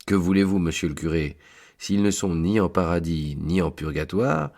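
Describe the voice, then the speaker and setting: A man's voice: sits low, normal speed, darkish tone. A man voicing a solemn male angel who keeps the great book, speaking formally with a raised voice. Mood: insistent. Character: solemn male angel keeping heaven's ledger.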